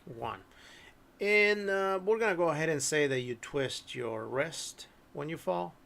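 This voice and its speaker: Man with a fairly high voice running a tabletop game. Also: unhurried, slight background noise. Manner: relaxed, hesitant with frequent ums and throat clearing. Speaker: game master.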